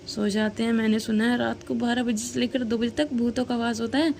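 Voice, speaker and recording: A woman's voice: fairly high pitch, steady tone, brisk, vocal fry, darkish tone, a little hiss or hum. A woman voicing a playful young woman who teases and mocks her scared cousin. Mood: mocking. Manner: playful, mocking. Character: teasing young woman who loves pranks.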